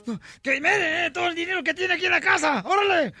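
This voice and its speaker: A man's voice: very high voice, fairly quick, creaky, pushed and bright, dry recording, soft background music, pitched above the performer's own voice, heavily acted. A man voicing a demanding male burglar in a joke, insistent and pushy.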